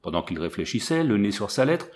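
A man's voice: on the low side, very animated, fairly quick, pitched below the performer's own voice. A man reading an audiobook and voicing a plain-spoken, drily skeptical young French soldier. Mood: storytelling. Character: earthy, wary young male French soldier.

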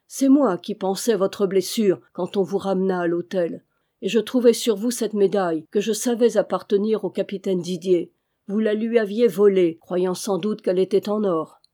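A woman's voice: medium pitch, moderate pace, mellow, lightly acted. A woman reading as a proud young noblewoman. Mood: accusing. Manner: haughty, accusing.

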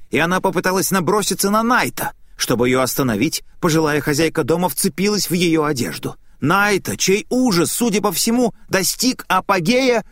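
A man's voice: a little high, no echo, clean studio sound. A man narrating a tense first-person story as an audiobook reading.

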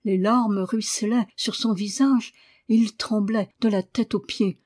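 A woman reading a novel aloud as audiobook narration, measured and expressive. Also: mid-range voice. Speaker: audiobook reader. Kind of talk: scripted narration.

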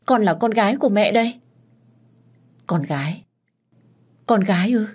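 A woman voicing a pushy young daughter who shouts and scolds. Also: medium pitch, lively intonation, measured pace, breathy edge, voice pushed up. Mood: pleading.

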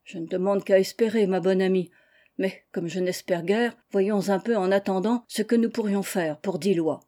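A woman reading the part of a hot-tempered older general who blusters indignantly, in a mellow voice. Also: medium pitch, moderate pace, lightly acted. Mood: blustering. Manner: blustering, indignant, loud outbursts.

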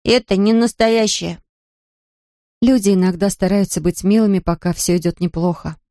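A woman voicing a kind, tired young nanny who talks to children gently and patiently. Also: medium pitch, fairly even intonation, normal speed, no room sound, studio quality, natural voice. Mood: gentle.

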